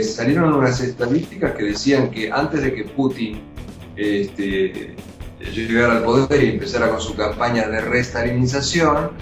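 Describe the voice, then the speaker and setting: An older man with an Argentine Spanish accent, a journalist answering interview questions emphatically, with measured pauses and restarts. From born in Austria to Russian parents. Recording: roomy, dull lo-fi audio with faint rumble.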